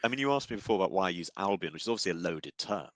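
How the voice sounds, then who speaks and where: A man answers podcast questions in an articulate, academic manner. His voice is very low. The sound is dry and close, with no room echo. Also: animated, rapid-fire. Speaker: podcast guest. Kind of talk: casual podcast chat.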